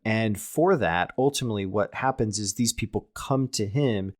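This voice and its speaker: Guy on a scripture podcast, lowish voice, thinking out loud, lots of little restarts. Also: normal speed. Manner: thoughtful, with restarts and repeated words. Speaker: podcast co-host. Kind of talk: casual scripture discussion.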